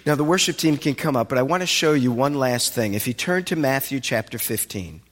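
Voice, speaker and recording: A pastor briskly preaches a sermon to his congregation in their worship hall, speaking expressively and raising his pitch as he retells scenes. The hall is reverberant, with faint music in the background.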